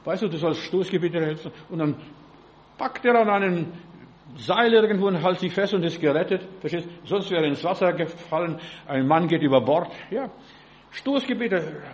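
A man's voice: high voice, lively intonation, normal speed, dull audio. Fervent preacher man. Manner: fervent, addresses listener directly with frequent rhetorical questions. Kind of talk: informal sermon.

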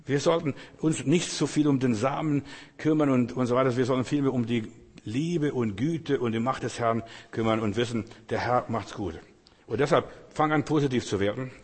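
Husky-voiced preacher in a hall. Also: male voice, mid-range voice, normal speed. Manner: earnest, rises to loud fervent prayer. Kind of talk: sermon. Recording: long hall reverb.

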